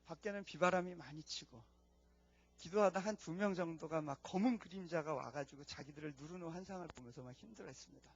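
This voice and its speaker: Earnest Korean-speaking man preaching, husky. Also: a little high, fast, muffled recording. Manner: earnest storytelling, drops to hushed tones for prayers. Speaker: missionary preacher. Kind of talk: sermon testimony. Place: church conference hall.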